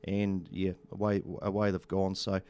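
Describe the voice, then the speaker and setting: A New Zealand man speaking as a studio guest in a casual radio interview, with halting, understated, colloquial delivery. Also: sits low, level tone, a little mellow, smooth. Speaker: studio guest, agricultural seed company representative.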